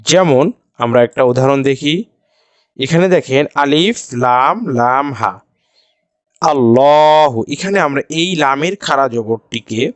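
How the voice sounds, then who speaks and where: A man's voice: medium pitch, no room sound. A man teaching Quran recitation rules, patiently repeating each rule step by step and chanting the examples. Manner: chants the example words melodiously. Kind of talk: slow step-by-step tajweed lesson.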